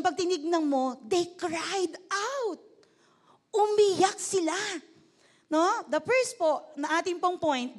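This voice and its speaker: Very high-voiced woman pastor preaching. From Philippines. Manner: lively preaching that calls out to the congregation with repeated questions; polite and switches between Tagalog and English. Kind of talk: sermon. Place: church service.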